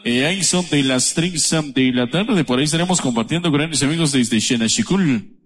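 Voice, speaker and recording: A man from Guatemala hosting live radio and reading out listener greetings one after another in a brisk, repetitive way. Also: fairly high pitch, a little hiss or hum. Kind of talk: live radio shout-outs. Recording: long hall reverb.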